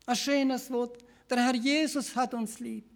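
A man with a Swabian accent preaching a sermon, earnest and repetitive, often restarting phrases and clearing his throat. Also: very high-pitched, steady tone, measured pace.

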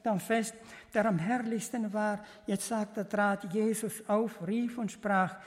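A man preaching an earnest, fervent Bible sermon as a lay preacher, speaking in halting, loosely built sentences that restart and repeat. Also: sits high, fairly even intonation. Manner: earnest, repetitive, addresses listeners as beloved. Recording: long reverb of a large hall.

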